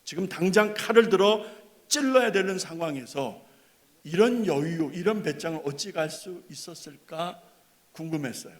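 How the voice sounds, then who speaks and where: A man preaching a sermon as pastor, dramatic, swinging between loud bursts and hushed tender lines. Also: on the high side, expressive, normal speed. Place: church sanctuary. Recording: long hall reverb.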